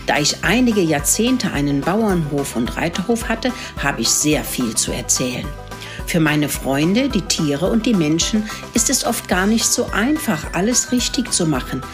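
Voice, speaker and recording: An older woman narrating a children's story in a gentle, expressive reading manner. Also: on the low side, unhurried, music in the background.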